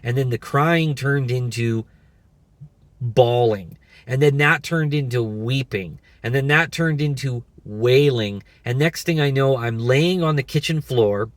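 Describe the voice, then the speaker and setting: A man in his thirties giving an earnest, halting faith testimony, often restarting his sentences and encouraging listeners to pray. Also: mid-range voice, no echo. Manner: earnest, repetitive, many restarts. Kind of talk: personal testimony and exhortation.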